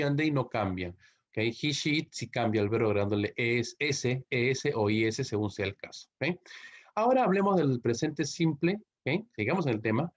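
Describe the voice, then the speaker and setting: A man with a Peruvian Spanish accent teaches English grammar in a mid-pitched voice, reading the English examples slowly and then translating them. He keeps checking that his students follow with a quick tag question after each point. The recording sounds dull and lo-fi. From Peru.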